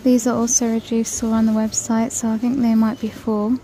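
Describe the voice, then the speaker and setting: A British shopping vlogger chats casually while browsing a large indoor store aisle, listing prices as she goes. Her slightly high, mellow voice comes across a little fast and flat. She films on a handheld phone camera, and a faint store hum sits behind her.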